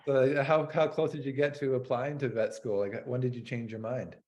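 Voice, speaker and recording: A man's voice: medium pitch, steady tone, brisk, a little mellow. A man from North America, a dairy farmer hosting an interview, talking in a hesitant, rambling way with lots of fillers. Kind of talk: casual interview chat.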